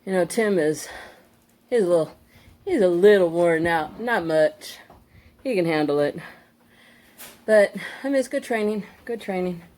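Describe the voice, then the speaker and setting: A woman's voice: fairly low pitch, animated, a little slow, pauses often, darkish tone. A woman, out of breath, chatting casually on a hiking trail. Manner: chatty, rambling with fillers. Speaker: hiking vlogger. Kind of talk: casual vlog chat.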